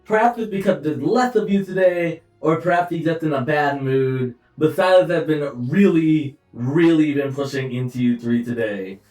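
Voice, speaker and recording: A man's voice: fairly high pitch, normal speed, hardly any pauses, a little mellow. Young man game master, roomy distant mic. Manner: loose, rambling, with frequent "um"s and self-corrections. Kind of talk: casual recap and scene-setting for a tabletop game. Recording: roomy echo, distant mic, faint music behind.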